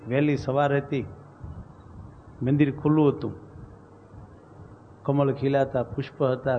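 A man's voice: medium pitch, muffled recording, a little hiss or hum. A man telling a devotional story as a religious storyteller, with vivid, dramatic narration.

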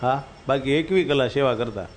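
A man's voice: mid-range voice, fairly quick, soft background music. A man giving a devotional sermon, telling stories in a folksy way and chanting verses. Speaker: religious storyteller.

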